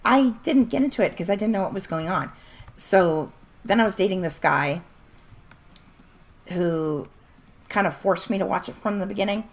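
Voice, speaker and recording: With a mid-range voice at normal speed, this woman leaves long pauses. She chats casually and bluntly while streaming a game, laughs often, and is starting to lose her voice.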